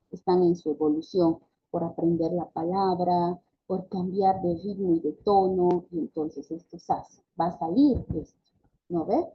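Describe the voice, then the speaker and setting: A woman teaches a speech therapy class in a slightly breathy, husky voice. She keeps restarting her phrases and checks in with her listeners as she goes. Her voice sits in a middle range, and the recording sounds dull and lo-fi. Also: mid-range voice. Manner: frequent self-corrections and tag questions. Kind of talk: online class lecture. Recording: dull lo-fi audio.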